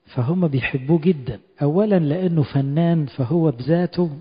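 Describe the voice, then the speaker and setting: Egyptian priest, husky voice, expressive sermon storytelling; dull lo-fi recording with a long hall echo. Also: male voice, fairly high pitch. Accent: Egyptian Arabic. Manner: expressive storytelling, reads scripture slowly and quotes with feeling.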